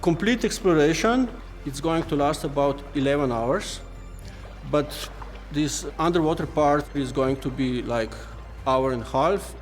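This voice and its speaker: A man's voice: on the high side, measured pace. Male speaker in long reverb. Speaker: cave diver. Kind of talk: documentary interview. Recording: long cavernous reverb, faint music.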